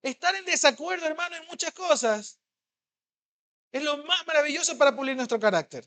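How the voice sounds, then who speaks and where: A man's voice: extremely high pitch, lively intonation, creaky. Emphatic, conversational male preacher. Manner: emphatic, swings loud and soft, rhetorical questions to the congregation; conversational, fast at times. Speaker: pastor. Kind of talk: sermon.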